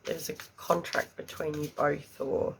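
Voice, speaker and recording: This tarot reader's voice sits low and sounds gravelly, with fairly even intonation and an unhurried pace over background noise. Still congested after being ill, she chats through a pick-a-card reading, whispering questions to spirit.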